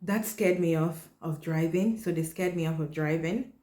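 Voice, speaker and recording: A woman hosting a podcast, telling a personal story in a blunt, candid way and often dropping her voice low. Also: moderate pace, dark tone. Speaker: podcast host. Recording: roomy echo.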